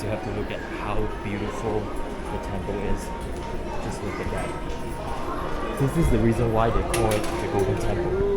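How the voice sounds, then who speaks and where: A man from Malaysia with a Malaysian English accent, narrating a travel vlog as he walks around a busy temple site, explaining eagerly like a tour guide. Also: medium pitch. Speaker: travel vlogger. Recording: loud music over outdoor sound.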